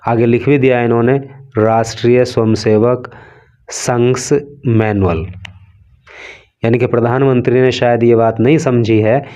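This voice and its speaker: A man's voice: medium pitch, fairly even intonation, measured pace, pauses often, dark tone, clean tone. A man teaching English from a newspaper, reading phrases in English with an Indian accent, then explaining them in Hindi and asking rhetorical questions. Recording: dull lo-fi sound.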